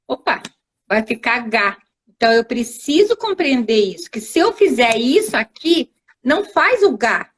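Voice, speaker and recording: Slightly high and husky, this woman's voice swings widely in pitch at an unhurried pace. She's a teacher invited as a guest, joining a live stream by video call and answering in an explanatory, didactic way, walking through examples step by step with frequent tag questions.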